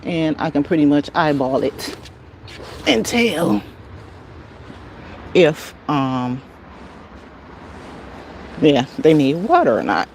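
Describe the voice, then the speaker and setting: An American garden vlogger hosts a casual livestream outdoors on a handheld phone, folksy and often muttering to herself and her plants. Her low, slightly mellow voice swings widely in pitch, moves slowly with frequent pauses, and carries slight background noise.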